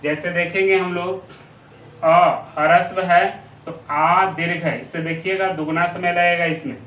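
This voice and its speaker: High-voiced male teacher in an echoey room. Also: steady tone, a little hiss or hum. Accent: Bihari Hindi. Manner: repeats definitions slowly, drawing out sounds. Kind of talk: classroom lesson. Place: classroom. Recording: echoey room, distant tinny phone-like mic.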